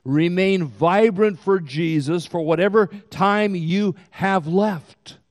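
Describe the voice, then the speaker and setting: A man in his sixties preaching a sermon as pastor, with slow, emphatic delivery that swells to loud peaks, recorded in a church sanctuary. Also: high voice. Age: 60s. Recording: long hall reverb.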